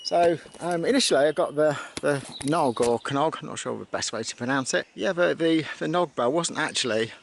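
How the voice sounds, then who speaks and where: A man from the United Kingdom talks while cycling along an outdoor path, his voice slightly on the high side. He rambles easily, circling back with fillers and restarts. Clear wind and road noise from the outdoors run under his voice. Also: normal speed, few pauses. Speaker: cycling vlogger. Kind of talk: casual talk while riding.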